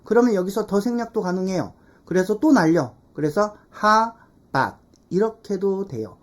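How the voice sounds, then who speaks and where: A woman teaching English pronunciation in an online lesson, explaining step by step, checking in with rhetorical questions and slowly repeating drill phrases. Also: medium pitch, animated, darkish tone.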